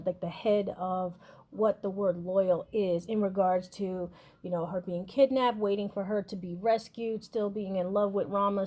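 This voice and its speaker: A woman's voice: medium pitch, warm tone. A woman giving a casual spiritual talk about deities, rambling with many fillers and restarts. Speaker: spiritual shop owner teaching about deities.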